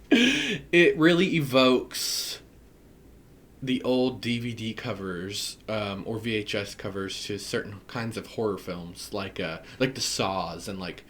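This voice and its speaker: A man with a Southern US accent, chatting enthusiastically as he unboxes a tarot deck and laughs often. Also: on the low side. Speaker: tarot reader. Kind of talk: casual deck unboxing chat.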